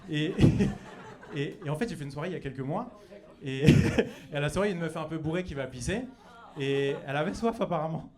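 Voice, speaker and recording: A young man does stand-up in a comedy club, his voice a little high, brisk and slightly mellow. He keeps it chatty and loose, packed with fillers and restarts, and slips into silly put-on voices while the audience laughs.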